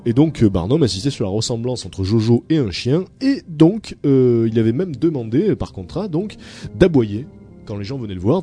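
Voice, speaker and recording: A man hosting a radio chat show, telling odd stories in a lively, halting way full of fillers. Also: mid-range voice, slightly rough. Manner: storytelling, many fillers, animated. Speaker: radio host.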